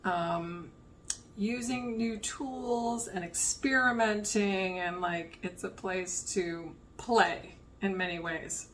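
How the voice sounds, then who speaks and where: A woman's voice: mid-range voice, slow, fairly bright tone, a little hiss or hum. A woman giving a casual, rambling show-and-tell as an art vlogger, thinking aloud as she goes.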